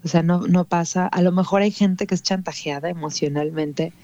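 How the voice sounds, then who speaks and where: Low-voiced woman explaining patiently. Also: steady tone, normal speed, warm tone, lo-fi sound. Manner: patient, explaining with many rhetorical "¿no?" tags. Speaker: guest speaker on emotional topics. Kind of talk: explanatory conversation.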